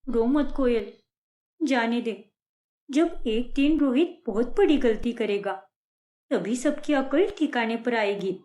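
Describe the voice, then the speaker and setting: Brief: woman as a steady cartoon big sister, soothing then firm. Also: on the high side, takes it slowly. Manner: soothing, resolute. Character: young elder sister, calm and determined. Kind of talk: cartoon voice acting.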